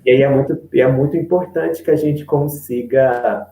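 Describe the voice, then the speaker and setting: A man's voice: medium pitch, fairly even intonation, dark tone. Brazilian man moderating in an echoey room. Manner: measured and reflective, frequent tag questions. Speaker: panel moderator. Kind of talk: reflective panel discussion.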